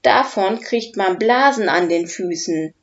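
A cheeky little dragon boy talks brightly, at times in a hiss, as a woman reads him. The pace is slow and the sound slightly muffled. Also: mid-range voice, expressive. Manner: hissing and whispering at times, cheeky. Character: small clever young dragon boy, cheeky.

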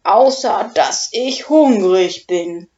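A big hungry dragon booms out loud and gruff, as a woman reads him aloud. He is grumpy and smacks his lips, slow and unhurried. The storybook recording sounds slightly muffled. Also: close to an everyday voice. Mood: gruff, booming.

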